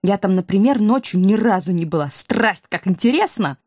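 A woman narrating an audiobook and voicing a lively young heroine. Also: mid-range voice, moderate pace, no echo, clean studio sound. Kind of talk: audiobook narration and character reading.

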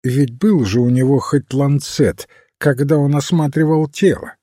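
A man voicing a calm, thoughtful priest detective in a storybook reading, with a husky voice and a slow, measured delivery. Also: medium pitch, no echo, clean studio sound, pitched above the performer's own voice, close to an everyday voice. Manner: measured, reflective.

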